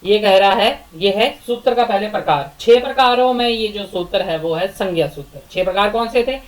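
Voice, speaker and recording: A woman's voice: mid-range voice, low-quality recording. Woman teaching Sanskrit grammar step by step. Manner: explanatory, repeats and asks rhetorical questions; chants Sanskrit verses in measured rhythm. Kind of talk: recorded lecture.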